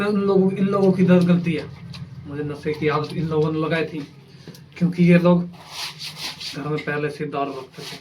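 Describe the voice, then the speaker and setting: A young man with a slightly raised voice cracks deadpan jokes to his viewers as he washes clothes at his village home. He talks casually and directly to the camera, over a faint hum of outdoor ambience. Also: on the high side. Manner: deadpan joking, addresses viewers as friends. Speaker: vlogger. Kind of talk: comic village vlog monologue.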